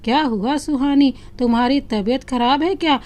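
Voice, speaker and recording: A woman's voice: sits high, moderate pace, a little mellow, natural voice. A woman voicing a loving, playful young husband who teases his wife affectionately, in a storybook reading. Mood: teasing. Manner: teasing, affectionate.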